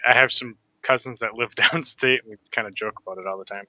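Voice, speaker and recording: A man's voice: medium pitch, fairly even intonation, fast, bright, forceful tone, rough recording. A man from Upper Michigan chatting casually during a game, easygoing and full of "like". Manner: easygoing, heavy use of "like". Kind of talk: casual chat while gaming.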